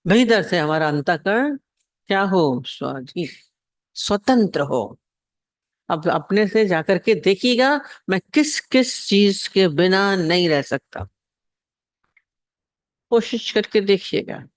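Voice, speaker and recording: High-voiced man giving a devotional talk. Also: expressive, slow, long pauses, dry recording, clean studio sound. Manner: repetitive, rhetorical questions to listeners. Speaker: spiritual teacher. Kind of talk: devotional scripture discourse.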